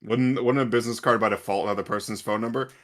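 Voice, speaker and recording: A man streaming a game, reading its text aloud and reacting with quick laughs. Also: on the low side, steady tone, a bit bright. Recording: game music under the voice.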